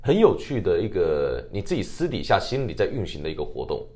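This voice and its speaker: Animated, fast-talking Taiwanese man. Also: low voice. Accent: Taiwanese Mandarin. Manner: animated, repeats phrases for emphasis. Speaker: voice actor guest. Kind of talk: radio interview, explaining.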